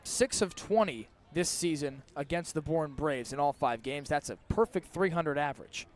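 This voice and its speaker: A man calls baseball play-by-play for live radio, outdoors at a ballpark. His fairly high, animated voice moves at a moderate pace, delivering clipped, descriptive calls that rise with the action.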